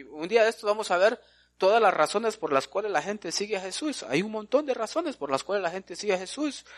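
A man preaches an emphatic sermon. His voice sits a little high and swings widely up and down. He keeps calling on his listeners directly.

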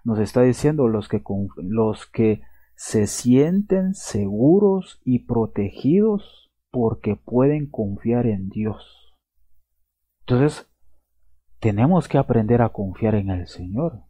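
A man's voice: mid-range voice, lively intonation, slow pace, dark tone, husky, dry recording. A man preaching a sermon in an earnest way, repeating himself and checking in with his listeners as he goes. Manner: earnest, repeats himself, tags lines with a questioning aside. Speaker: pastor. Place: church or teaching setting with slides.

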